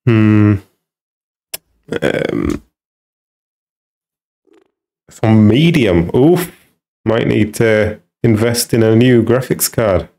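A man's voice: lowish voice, very slow, long pauses, warm tone. A man giving casual, musing commentary while streaming a video game, talking half to himself as he tinkers with settings.

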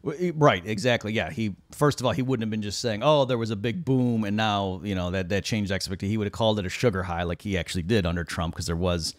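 An economist guest in middle age talks economics casually from a small room, using a boom-arm studio mic on a video call. He speaks fast with hardly any pauses, animated, raising his voice to mock the people he quotes. The recording is dry.

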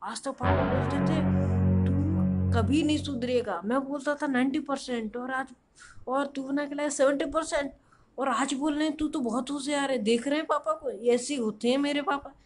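A man's voice: very high voice, steady tone, moderate pace, faint music behind. Young man playing a whiny pleading teenage son. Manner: whining, pleading.

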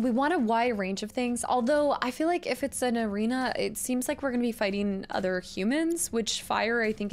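In a home room, a young woman gaming streamer chats casually through her let's play, musing aloud as she goes. She has a creaky voice pitched on the high side.

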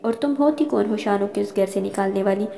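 A woman's voice: mid-range voice, a little fast, creaky, dark tone, faint music behind, close to an everyday voice. A woman voicing a stern elderly grandmother who rules the family, speaking in a commanding, scolding way. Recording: long reverb.

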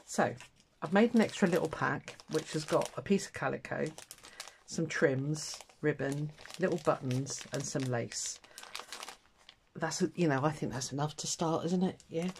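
An older Englishwoman with a cold and a blocked nose hosts a craft channel, chatting casually while packing sewing kits at a table indoors, filmed from overhead with only her hands visible. Her deep voice moves at an unhurried pace, and she's chatty and self-deprecating as she works. There's a little background noise.

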